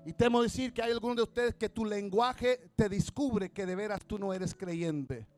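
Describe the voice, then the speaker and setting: A man preaching a sermon line by line with interpretation, impassioned and building to shouts. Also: high voice, normal speed, faint music behind.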